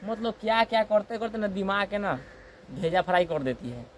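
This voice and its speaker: A man's voice: high voice, lively intonation, normal speed, slight background noise. A man teaching grammar in a classroom, repeating points and often checking in with "है ना". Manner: repetitive, checks in with "है ना"; acts out comic example dialogue. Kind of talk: classroom lecture.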